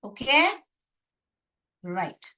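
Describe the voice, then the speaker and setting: A woman's voice: mid-range voice, sing-song, very slow, bright, forceful tone. A woman teaching English in an online class, explaining in Hindi with an Indian accent, spelling words out and calling students beta.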